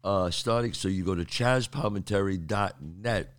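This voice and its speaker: With a cold in his throat, an older man chats through his podcast in a loose, streetwise monologue, often repeating himself. He speaks in a low voice at normal speed.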